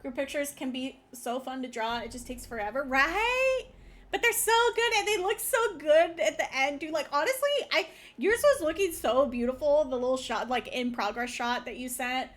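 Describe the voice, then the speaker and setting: A woman's voice: sits high, animated, normal speed. A woman livestreamer chatting casually in a cute anime-streamer style, bubbly and gushing.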